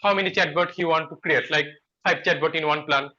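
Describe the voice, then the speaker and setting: A man explaining software features on a video call, halting, with many fillers and restarts. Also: a little high, steady tone, a little hiss or hum. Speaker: software developer. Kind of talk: video call work meeting. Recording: dull lo-fi call audio.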